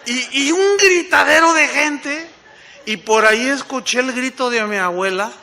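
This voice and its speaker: A Mexican man preaching a sermon in a high, piercingly bright voice. He tells stories with animation and keeps asking the congregation questions. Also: a little slow. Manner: animated storytelling with rhetorical questions. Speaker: pastor.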